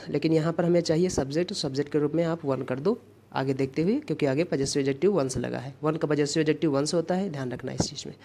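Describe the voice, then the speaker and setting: A man's voice: fairly high pitch, gravelly, dark tone. Man teaching grammar. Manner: explanatory, repeats key answers and checks with "है ना"; reads example sentences slowly and deliberately. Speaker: English teacher. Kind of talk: exam-prep grammar lesson.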